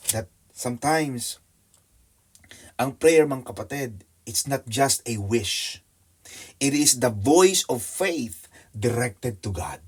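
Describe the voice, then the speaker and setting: Male preacher, church sermon, addresses congregation by name, shifts from excited loud to hushed, mid-range voice. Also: mid-range voice, husky. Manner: addresses listeners by name, mixes Tagalog and English; swings between loud excited telling and quiet hushed asides. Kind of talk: sermon with illustration story.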